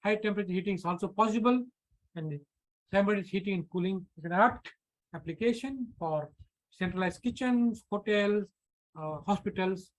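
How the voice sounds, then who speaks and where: A man with an Indian English accent giving an online lecture, halting and repeating words with frequent fillers. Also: high voice, low-quality recording. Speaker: professor presenting a workshop lecture. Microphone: computer mic on a video call.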